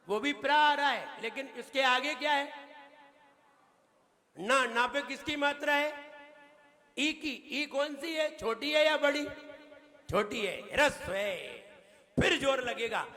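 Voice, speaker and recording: A man, a Jain monk, giving a sermon on how to recite scripture, asking his listeners questions and chanting the verses slowly. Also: extremely high pitch, pushed and bright, big-room sound. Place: temple hall.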